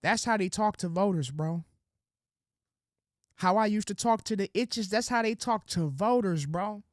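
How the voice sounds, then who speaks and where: A man's voice: sits high, unhurried, no echo. Man, political monologue, preachy, slangy, dry close sound. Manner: preachy, street slang, addresses audience as ladies and gentlemen; drops into soft sweet-talk voice when acting out quotes. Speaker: political commentary host. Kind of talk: direct-to-camera political monologue.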